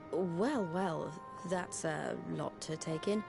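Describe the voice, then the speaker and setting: A woman's voice: lowish voice, slow, gravelly, over music. An actress playing a frank, friendly female resistance commander in a fantasy game. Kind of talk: scripted fantasy game acting.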